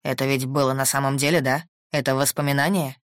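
A woman voicing a tender, grieving young man in an audiobook, dropping her voice low for him. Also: fairly even intonation, quick pace, dry recording, studio quality. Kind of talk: audiobook character voice.

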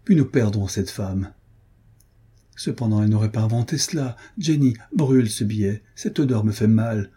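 A man's voice: fairly low pitch, moderate pace, mellow, slightly rough. A man reading aloud, voicing a grief-stricken young noblewoman who pleads in a feverish, desperate way.

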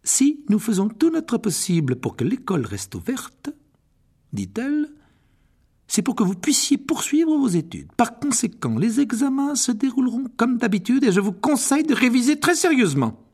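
A man voicing a stern older female teacher in an audiobook, speaking crisply and with authority. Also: extremely high pitch, sing-song, moderate pace, darkish tone, voice pushed up, heavily acted.

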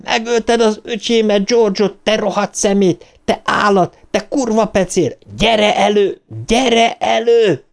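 Stammering boy gang leader, higher voice, fierce and fraught, as a man reads him. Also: pauses often, natural voice. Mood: furious shouting. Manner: heavy stutter. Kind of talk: audiobook character voice.

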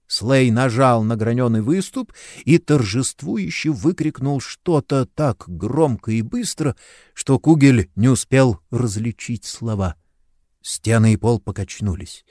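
A man reading an audiobook aloud in a steady, even voice. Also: mid-range voice, no room sound, studio quality. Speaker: audiobook narrator. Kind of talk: scripted narration.

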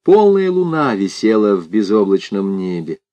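A man narrating an audiobook in an expressive, dramatic reading style. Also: lowish voice, moderate pace, muffled recording.

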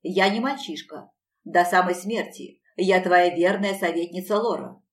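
A woman voicing a devoted, weepy young female advisor who pleads and wails loudly, recorded a little away from the mic. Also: lowish voice, unhurried, distant mic. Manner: loud, pleading and wailing.

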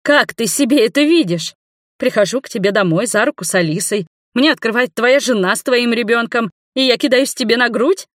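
A woman voicing a hurt young woman, shouting high and accusing at her former lover in an audiobook. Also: normal speed, no room sound, studio quality, lightly acted. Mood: furious.

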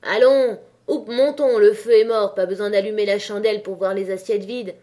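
A woman's voice: on the high side, steady tone, moderate pace, lightly acted. Woman voicing a coarse, scolding miner's wife. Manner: scolding, swearing.

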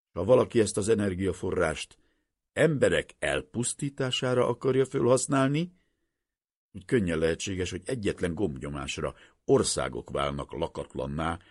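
A man voicing an older, troubled professor who speaks slowly and solemnly, with earnest pleading. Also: deep voice, breathy edge, dry recording, studio quality, heavily acted. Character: older male professor, grave and troubled scientist.

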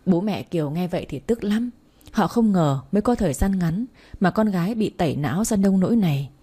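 Woman, story narrator, husky, warm and mellow, low voice, faint music underneath. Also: lively intonation, fairly quick.

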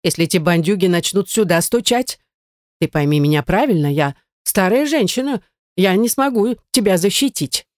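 A woman voicing a fussy elderly building manager in an audiobook, speaking in a lower, hushed and fretful voice. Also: lively intonation, normal speed, no room sound, studio quality, natural voice. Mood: worried.

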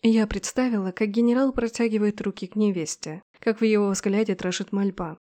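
A woman narrating a first-person fantasy audiobook in a steady, expressive storytelling voice. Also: mid-range voice, fairly quick.

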